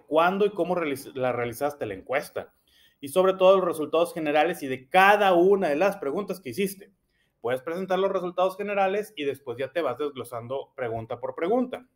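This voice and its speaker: A man teaching a primary school lesson, patiently explaining and repeating key points with frequent checks. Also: on the high side.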